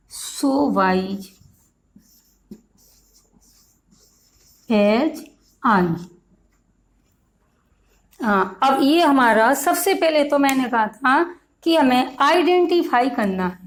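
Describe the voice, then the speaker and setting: Slow, patient Hindi-accented teacher woman. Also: sits high, low-quality recording. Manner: slow, repetitive, stretches out example words. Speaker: grammar teacher. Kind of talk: classroom grammar lesson.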